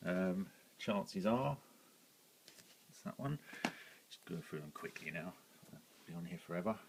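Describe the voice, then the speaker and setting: A man's voice: low voice, animated, measured pace, creaky, darkish tone, slight background noise, rough recording. A British man casually showing his record collection, rambling with plenty of ums and self-corrections. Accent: British English. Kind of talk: casual show-and-tell vlog.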